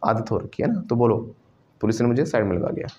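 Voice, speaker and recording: A male English teacher leads a classroom drill, saying phrases and having the students repeat them back. His voice sits in a middle pitch, and the recording is muffled and lo-fi. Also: expressive, fast talker, darkish tone, slight background noise. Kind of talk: spoken English lesson in Hindi.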